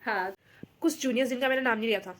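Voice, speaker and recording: Fast-talking young woman vlogger, emotional. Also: a little high. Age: young adult. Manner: emotional, affectionate, rambling. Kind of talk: casual vlog chat.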